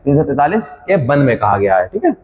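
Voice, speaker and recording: A man's voice: mid-range voice, very animated, quick pace. A male coaching teacher running a quiz-style exam revision lesson, reading each question and its options aloud, repeating them, then giving the answer. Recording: dull sound with long reverb.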